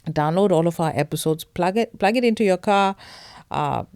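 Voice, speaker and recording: Speaking at a moderate pace, this podcast host has a fairly low, darkish voice that is clear and resonant. She's from South Africa with a Durban Indian English accent and presents finance conversationally, addressing her audience emphatically. The studio-quality recording has no echo.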